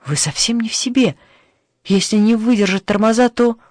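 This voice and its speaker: A reader putting on a frightened yet defiant young woman from an audiobook, her questions sharp and accusing. The mid-pitched voice is dry, with no room sound. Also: animated, moderate pace, no room sound, lightly acted.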